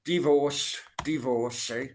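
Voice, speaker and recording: Speaking slowly at a medium pitch with fairly even intonation, a middle-aged Merthyr man runs a livestream football Q and A late at night, with a little hiss or hum on the recording. His Welsh Valleys talk is casual, full of swearing, wandering and repetitive.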